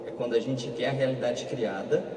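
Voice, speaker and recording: A young Brazilian man gives a lively church talk to engaged couples. He tells humorous personal stories and acts out the dialogue. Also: mid-range voice, fairly quick. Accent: Brazilian Portuguese. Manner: animated, humorous storyteller who acts out dialogue. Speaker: speaker at marriage preparation course. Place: large church hall. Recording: roomy hall, far from the mic, noisy.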